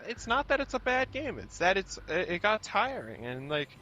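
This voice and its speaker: A young man streams a game and rambles through an absurd, meandering rant. His voice sits fairly high and sounds bright, and it swoops around wildly as he rambles. He keeps breaking into squeaky mock voices. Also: very animated, moderate pace, highs cut off, slight background noise.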